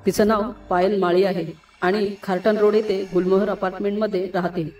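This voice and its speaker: A woman's voice: mid-range voice, level tone, moderate pace, dark tone, natural voice. A woman voicing an anxious, polite young man who speaks hesitantly and respectfully. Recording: roomy, distant, music behind.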